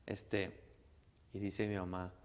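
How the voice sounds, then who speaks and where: A man's voice: low-pitched, monotone, slow. A middle-aged man with a Mexican accent, a comedian telling a family story in slangy, crude, rambling talk full of restarts. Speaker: guest comedian. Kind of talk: casual storytelling. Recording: long reverb.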